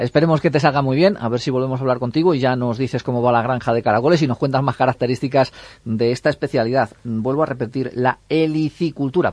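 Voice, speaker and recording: A man's voice: medium pitch, darkish tone, no echo. Male radio host, close studio mic, dry, chatty with small restarts. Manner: conversational, repeats words when starting. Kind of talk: radio interview.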